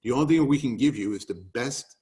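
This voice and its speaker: A man with a New York accent presents a webinar over a video call, his medium-pitched voice fast yet mellow. His business talk is emphatic and rallying, and he repeats the key points.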